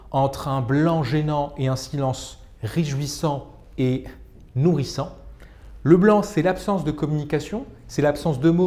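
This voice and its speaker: Man, middle-aged, public speaking coach; somewhat high-pitched, expressive delivery that swings between slow and fast. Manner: expressive, demonstrates exercises with varied pace and volume. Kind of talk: video lesson.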